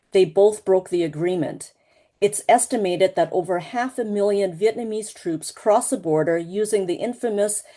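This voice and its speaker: This is a woman from Laos presenting as a co-author at a virtual book launch via video call. Her delivery is earnest and measured, and her medium-pitched voice sounds mellow.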